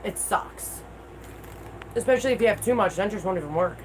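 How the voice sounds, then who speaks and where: A woman's voice: mid-range voice, expressive, very fast, darkish tone, a little hiss or hum, rough recording. A middle-aged woman with toothless-sounding speech, chatting candidly and informally as she hosts a casual livestream and replies to viewers. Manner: candid, informal, mild swearing. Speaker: livestream host.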